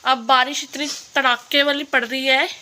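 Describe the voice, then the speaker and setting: A woman's voice: sits high, little pitch movement, moderate pace, sharp tone. A young woman with a cold and sore throat chatting casually at home in a home vlog, rambling and repeating herself. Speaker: vlogger. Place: at home, indoors and on a terrace in rain. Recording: rain noise in background.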